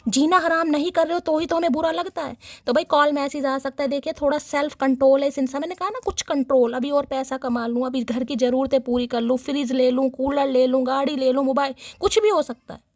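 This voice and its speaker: High-voiced chatty woman tarot reader. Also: steady tone, fairly quick, a little mellow, no echo, studio quality. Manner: teasing, sarcastic, talks straight to viewers; affectionate address to audience. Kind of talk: chatty collective tarot reading.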